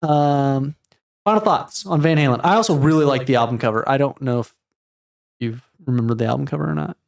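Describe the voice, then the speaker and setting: A relaxed man in his thirties chatting casually about an album, with a middle-pitched voice. He wanders through his thoughts with plenty of fillers and easygoing asides. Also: fairly quick, creaky. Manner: laid-back, rambling with fillers. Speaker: podcast co-host. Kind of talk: casual music review chat.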